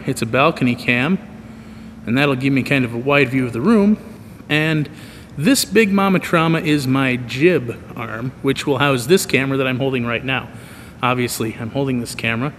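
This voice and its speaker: A man's voice: mid-range voice, a bit bright. A man giving a casual, rambling vlog tour with dry, self-deprecating humor, talking to a handheld camera. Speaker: video producer and vlogger giving a tour. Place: large empty church auditorium at night. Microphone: handheld camera microphone. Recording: echoey large hall, clear background noise.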